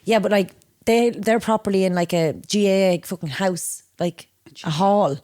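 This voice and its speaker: In clean studio sound with no room tone, a young Irish woman with a mid-range voice co-hosts a laid-back podcast at a moderate pace. She tells crude, meandering stories with lively energy and plenty of laughs.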